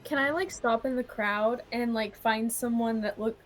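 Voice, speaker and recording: A woman's voice: on the high side, moderate pace, soft background music. A woman playing a tabletop game, talking hesitantly with many fillers. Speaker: player. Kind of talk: casual tabletop play.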